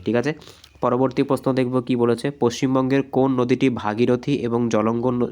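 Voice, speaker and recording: Hoarse male tutor from West Bengal, patient explainer, mid-pitched, keeps checking that students follow. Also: darkish tone. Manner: explanatory, repeats "ঠিক আছে?" often. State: hoarse from a cold. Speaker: exam coaching teacher. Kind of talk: exam practice lesson.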